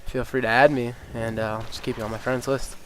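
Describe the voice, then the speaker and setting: Slightly fast and medium in pitch, this gaming YouTuber comes through a low-quality recording with a faint hiss behind him. A casual gamer guy with a sniffly cold and stuffy nose, he rambles and swears freely through his commentary with many ums and uhs. Game balance gets him excited and incredulous.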